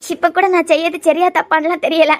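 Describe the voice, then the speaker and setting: A woman's voice: extremely high pitch, little pitch movement, quick pace. A woman voicing a remorseful, lonely young woman in a cartoon, with a Kanyakumari Tamil accent and a pleading, confessional way of talking.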